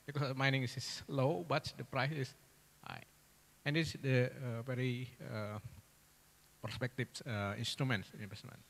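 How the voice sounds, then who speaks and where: A man's voice: mid-range voice, steady tone, normal speed, vocal fry. A man from the audience asking the speaker a question, hesitating with many fillers. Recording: reverberant hall.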